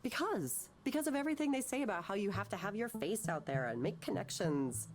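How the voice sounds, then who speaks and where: An actress voices an anguished, bitter, self-doubting woman artist, a counselling patient in a naturalistic visual novel, speaking haltingly and emotionally. Her mid-range voice is animated but lightly acted, with an anxious, wistful mood.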